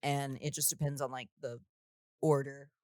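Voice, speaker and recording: Podcast co-host, female, very low voice, opinionated and slangy, dry close mic. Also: steady tone, normal speed, a little mellow, no room sound. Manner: enthusiastic, opinionated, casual slang. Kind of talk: casual chat.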